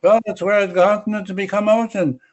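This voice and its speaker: A man's voice: sits high, fairly even intonation, a little fast, a little mellow, lo-fi sound, voice pushed up, natural voice. A man doing a hammy Russian scientist voice. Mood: mock-confident. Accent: Russian, put on. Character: pompous Russian scientist, male, dismissive.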